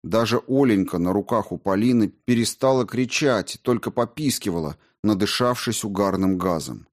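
Male audiobook narrator, steady delivery. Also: lowish voice, moderate pace. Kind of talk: scripted narration.

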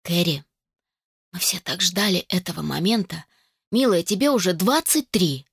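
A woman's voice: lowish voice, animated, moderate pace, creaky, slightly rough, no echo, studio quality, exaggerated voice. A woman voicing a fussy, pushy, doting middle-aged mother in an audiobook, nagging and insistent. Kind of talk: audiobook character voice.

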